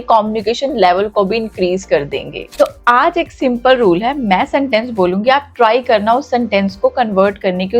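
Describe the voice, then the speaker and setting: A woman teaching spoken English, saying English sentences slowly for viewers to repeat and encouraging them directly. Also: on the high side. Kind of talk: spoken English lesson in Hindi.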